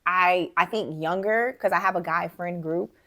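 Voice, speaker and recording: A young woman with a Southern US accent, co-hosting a podcast in animated casual chat and laughing often. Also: fairly low pitch, normal speed. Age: young adult. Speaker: podcast co-host.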